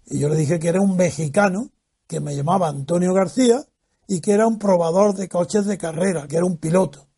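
Speaking a little fast in a high voice with a breathy edge, an older man recalls a long personal story during an interview. He's animated and performs the quoted voices of the people involved.

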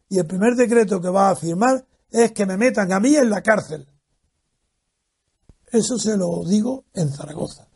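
Recounting a long personal anecdote in an interview, an older man animatedly impersonates the people he's describing. His voice sits high, creaky and slightly rough.

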